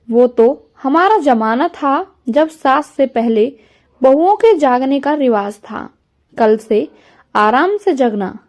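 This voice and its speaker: A woman's voice: sits high, darkish tone, exaggerated voice. A woman voicing a kind, doting older mother-in-law who fusses affectionately, in a storybook reading. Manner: affectionate, fussing.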